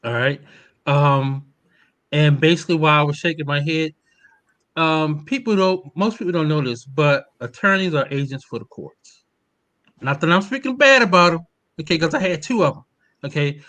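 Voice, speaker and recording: A man's voice: on the high side, moderate pace, pushed and bright. A man in his fifties from Maryland on a panel, speaking emphatically and checking in with his listeners. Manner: emphatic, keeps checking in with "okay?". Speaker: panel guest, nonprofit founder. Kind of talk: panel discussion.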